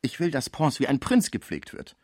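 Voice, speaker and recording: A soft-hearted older German man who pleads earnestly, as an audiobook narrator puts him on. His pitch rises and falls a lot. The recording is dry. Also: huge pitch swings, normal speed, no echo. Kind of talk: audiobook character voice.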